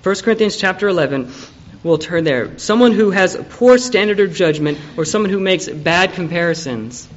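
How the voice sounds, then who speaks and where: Preacher, male, fairly high voice, chatty delivery with acted-out quotes, dull lo-fi recording. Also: lively intonation, normal speed. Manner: conversational, acts out quoted people. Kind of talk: evening sermon.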